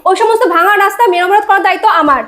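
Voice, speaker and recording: Bossy, two-faced female politician acted by a woman, extremely high voice, theatrical rally oratory, echoey comedy sketch. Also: fast talker, a bit bright. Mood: grand promising. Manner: theatrical, declamatory. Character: hypocritical, bossy female politician courting voters with sugary promises. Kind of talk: comedy sketch, mock election rally speech. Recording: echoey, with faint background noise.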